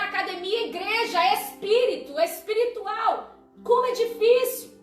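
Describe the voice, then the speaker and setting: A woman with a very high voice preaches in a conversational way, checking in with her listeners as she goes. The sound is roomy and echoey, picked up from some distance, with faint music underneath. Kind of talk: sermon on a live stream.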